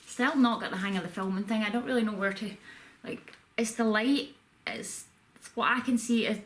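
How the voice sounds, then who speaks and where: A woman's voice: mid-range voice, a bit bright. A woman vlogging from a room at home, chatting casually and rambling a little with self-deprecating asides. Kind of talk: casual haul video chat. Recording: echoey room with faint background noise.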